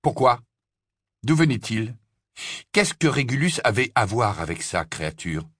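A man voicing a fierce, commanding teenage boy wizard who fires off sharp demanding questions. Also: mid-range voice, sing-song, measured pace, husky, no echo, clean studio sound. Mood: urgent.

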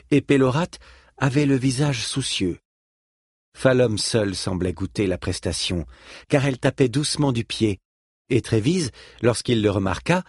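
A man reading a novel aloud with lively, rising and falling intonation. His voice is husky and slightly breathy, and the recording is dry and close. He tells the story with expressive rhythm. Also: medium pitch, no room sound. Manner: expressive storytelling, voicing each character. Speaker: narrator. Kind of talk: audiobook narration.

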